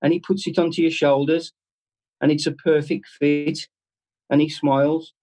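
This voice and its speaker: Earnest man, slightly high voice. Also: level tone, dark tone, faint music behind, poor audio. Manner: earnest and conversational, with halting restarts. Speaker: church speaker. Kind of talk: informal devotional talk.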